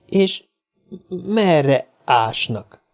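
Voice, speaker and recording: A man's voice: animated, creaky, darkish tone. A man voicing a small, nervous, cigar-smoking man who puts on a cheeky front and stammers when frightened, in an audiobook reading. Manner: stammering when scared, high and quick.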